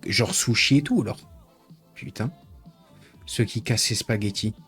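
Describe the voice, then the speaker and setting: A man's voice: on the low side, normal speed, fairly bright tone, faint music behind. A man chatting casually with his live-stream viewers, rambling and joking as he teases the chat.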